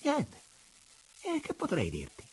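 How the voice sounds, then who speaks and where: A woman's voice: mid-range voice, wildly swooping pitch, slow pace, darkish tone, pitched above the performer's own voice, full character voice. A man reading aloud, voicing a timid young daughter who answers hesitantly and breathily, then coldly. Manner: hesitant, breathy small replies.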